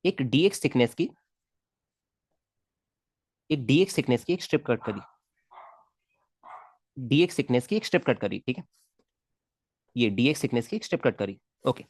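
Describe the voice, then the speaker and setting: A man teaches physics to students in a live online class. His voice swings up and down with lively pitch as he coaxes them, repeats himself and checks they follow. The sound is dry and close, with no room echo. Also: moderate pace, long pauses, husky. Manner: coaxing, repetitive, checks in with students often.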